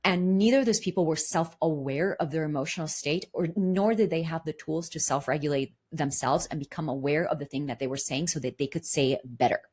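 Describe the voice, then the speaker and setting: A woman with a low, deep-set voice coaches her listeners on communication. She talks earnestly and works through everyday examples. She often asks the audience questions as she goes. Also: fairly quick, hardly any pauses, a little mellow, breathy edge. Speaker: podcast host and communication coach. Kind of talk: solo podcast monologue.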